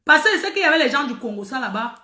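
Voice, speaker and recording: A woman's voice: high-pitched, sing-song, very fast, pushed and bright, roomy sound. A middle-aged woman telling a story to her viewers in a casual, emphatic way, repeating phrases for effect. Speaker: social media personality.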